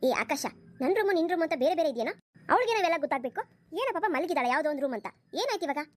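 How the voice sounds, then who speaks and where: A woman's voice: very high voice, lively intonation, racing, dry recording. A woman voicing a scolding mother-in-law. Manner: scolding, dismissive. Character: indulgent middle-aged mother-in-law. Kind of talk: cartoon voice acting.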